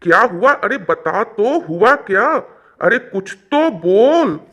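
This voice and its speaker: A man's voice: high-pitched, very animated, slow pace, fairly bright tone, muffled recording, full character voice. A man playing an anxious, coaxing father. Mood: worried. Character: worried, gentle middle-aged father.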